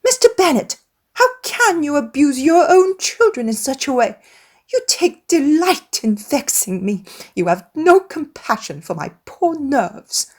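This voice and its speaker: A woman voicing a fussy, nagging middle-aged gentlewoman in a dramatised novel, exclamatory and insistent. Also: high-pitched, sing-song, unhurried, pitched above the performer's own voice, exaggerated voice. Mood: indignant.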